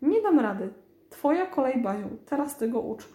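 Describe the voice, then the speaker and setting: A woman's voice: high voice, big pitch swings, moderate pace, dark tone, echoey room. A woman voicing a bossy male cat who teaches hunting in a commanding, instructive way.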